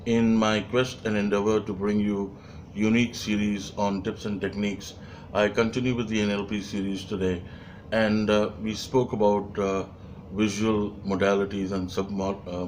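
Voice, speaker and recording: A man giving a training lecture, measured, with frequent fillers and rhetorical questions. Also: on the low side, a little mellow, a little hiss or hum. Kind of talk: lecture to camera.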